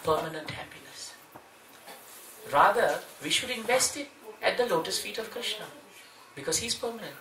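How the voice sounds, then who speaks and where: A man giving an evening scripture class in a home, telling a humorous story and acting out its voices. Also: high voice. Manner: lively storyteller, acts out voices in the tale. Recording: roomy, distant mic, faint noise.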